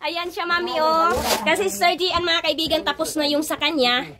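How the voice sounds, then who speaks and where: A woman vlogger, exclaiming constantly and talking to her viewers during an excited family unboxing. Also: very high voice, normal speed. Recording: loud crowd of people around.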